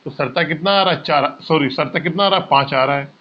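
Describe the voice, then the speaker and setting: A man's voice: a little high, quick pace, dull audio, a little hiss or hum. Man teaching maths step by step. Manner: explains step by step, asks and answers his own questions; addresses students as bhaiya. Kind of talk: exam-prep maths lesson.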